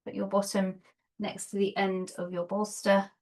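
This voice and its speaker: A middle-aged woman, guiding a yoga and meditation class in a gentle, unhurried way with soft pauses. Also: mid-range voice, completely flat delivery. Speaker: yoga teacher. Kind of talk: guided yoga and meditation instruction.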